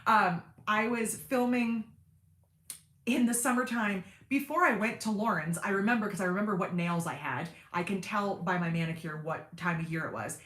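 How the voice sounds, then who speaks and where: Chatting casually on her sewing livestream, the host works through viewer comments, rambling happily with fillers and wry digs at herself. Her voice is fairly deep in everyday talk, with a fairly bright tone and normal speed, and the room echoes noticeably, like a home studio.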